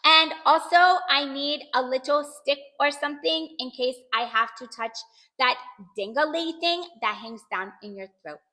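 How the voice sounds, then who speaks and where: A woman voicing a feisty, bossy kindergarten girl in a storybook reading, with loud, indignant outbursts. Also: high-pitched, measured pace. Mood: pretend-play.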